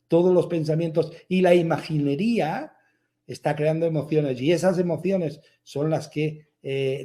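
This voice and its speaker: A man's voice: fairly high pitch, warm tone. A man giving a motivational spiritual talk, repeating his points emphatically and asking rhetorical questions. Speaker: spiritual speaker.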